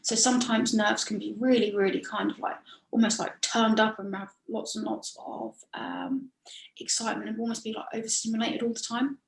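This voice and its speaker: A woman's voice: on the high side, steady tone, moderate pace, gravelly. A woman, talking as an interview guest, chatty and full of analogies and repetition, heard over a video call. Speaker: guest expert. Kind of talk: explanatory interview talk. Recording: echoey room.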